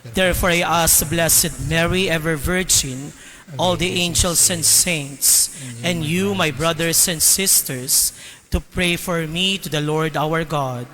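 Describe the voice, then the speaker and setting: A man reading formal Mass announcements and prayers in a measured, solemn way, with cathedral echo. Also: fairly high pitch, bright, forceful tone. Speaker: lector and Mass commentator. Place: large cathedral, amplified. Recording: cathedral echo, long reverberation.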